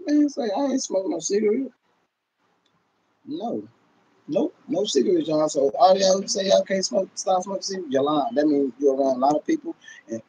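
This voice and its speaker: In a low-quality recording made on a phone or webcam at arm's length in his home, a middle-aged American man rants to his livestream viewers. His high-pitched voice is mellow with a breathy edge, and his talk is casual, blunt, profane and emphatically repetitive.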